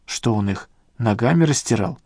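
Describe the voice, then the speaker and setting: A man's voice: mid-range voice, expressive, moderate pace, darkish tone, breathy edge, dry recording, studio quality. A man reading the lines of a persistent young woman scientist in an audiobook, with a pressing, questioning manner. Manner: pressing, questioning, near the reader's own voice.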